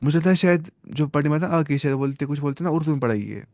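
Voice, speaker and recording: A man teaching an Arabic grammar lesson, drilling phrases slowly, repeating them and asking the listener questions. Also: a little high, a little mellow, dry recording, studio quality. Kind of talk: grammar lesson, mixing Urdu, Arabic and English.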